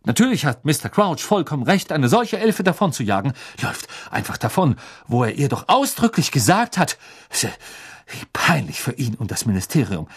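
A man's voice: fairly low pitch, big pitch swings, fairly quick, gravelly, hardly any pauses, fairly bright tone, slightly rough, exaggerated voice. A man voicing a pompous, self-important young wizard in a storybook reading, lecturing in a raised voice.

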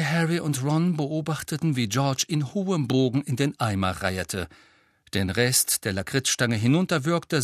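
Man, audiobook narration, lively reading, mid pitch, dry close mic. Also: no echo. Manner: lively, voices each character.

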